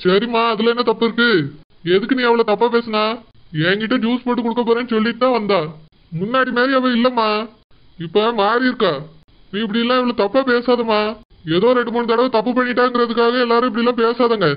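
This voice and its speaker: Firm village husband. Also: male voice, very high-pitched, flat delivery, brisk, clear, resonant tone, dull audio. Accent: Tirunelveli Tamil.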